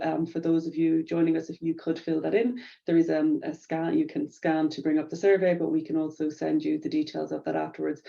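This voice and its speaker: A woman's voice: deep voice, gravelly, mellow, lo-fi sound. A woman hosting a webinar, effusive and thankful toward her guest. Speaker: webinar host.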